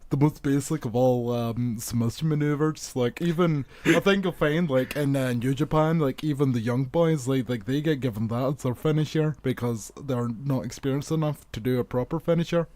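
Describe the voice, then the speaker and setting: A man's voice: medium pitch, moderate pace, hardly any pauses, darkish tone, dry recording, natural voice. A man putting on the voice of a nerdy, pedantic male university student who lectures on a point.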